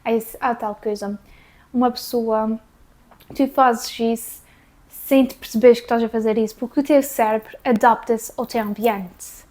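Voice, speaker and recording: Chatty Azorean woman, higher voice. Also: moderate pace. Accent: Azorean, São Miguel island. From Azores, Portugal. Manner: chatty and relaxed, with fillers and small laughs. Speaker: vlogger. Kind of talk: casual talk to camera.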